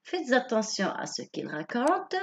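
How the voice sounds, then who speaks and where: A woman giving a patient grammar lesson, explaining each point slowly and rephrasing it several times. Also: fairly high pitch, wildly swooping pitch, creaky, a little hiss or hum. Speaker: teacher.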